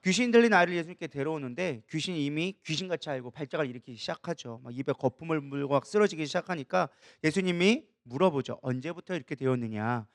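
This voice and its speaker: Fast-talking male preacher, dry sound. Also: fairly high pitch, no room sound. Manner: lively preaching with rhetorical questions. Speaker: pastor. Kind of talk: sermon.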